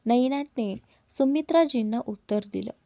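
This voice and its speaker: A woman narrating a romantic story in a steady storytelling voice, close to the mic. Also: a little high, moderate pace, no room sound.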